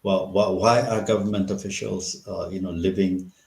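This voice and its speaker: A middle-aged man from Ethiopia, his voice low, gravelly and darkish, keeps a steady tone and a normal pace. Interviewed as a guest, he gives impassioned political commentary, asks rhetorical questions and often restarts sentences, with a roomy echo in the recording.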